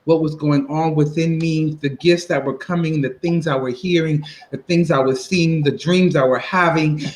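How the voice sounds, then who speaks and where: A woman guest in casual chat, telling a personal story in an animated, expressive, folksy way. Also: low-pitched, normal speed, poor audio. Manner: folksy, conversational.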